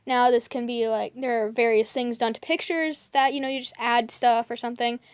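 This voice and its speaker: Young woman, high voice, chatty co-host, stumbly and filler-heavy, dry close sound. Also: steady tone, normal speed, smooth, dry recording. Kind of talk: casual chat reading a list.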